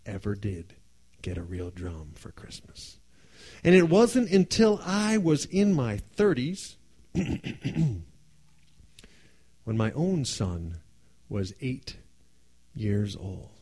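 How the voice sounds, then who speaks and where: A man telling a personal story in an animated way, acting out voices and laughing often. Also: lowish voice, takes it slowly, breathy edge.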